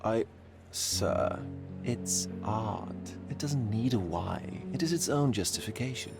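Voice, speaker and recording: Genteel male portrait artist, video game: courteous, lofty, lively pitch, music behind. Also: slow pace, gravelly, exaggerated voice. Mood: earnest, affronted. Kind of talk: scripted game voice acting.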